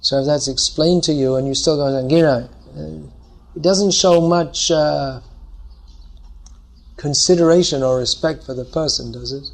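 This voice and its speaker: A man's voice: on the high side, normal speed, creaky. Man explaining a scripture class. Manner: explanatory, thinking aloud. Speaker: teacher leading a scripture class. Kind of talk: lecture with audience questions.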